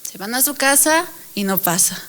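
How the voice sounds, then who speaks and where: A woman's voice: high-pitched, normal speed. Young woman telling a church testimony. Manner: lively storytelling with laughs and acted-out quotes. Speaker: church speaker and mentor. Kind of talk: personal testimony to a congregation.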